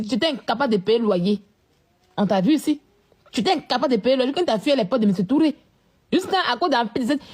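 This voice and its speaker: Woman vlogger, high-pitched, confrontational rant. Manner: scolding, repetitive, confrontational. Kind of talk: live-stream rant.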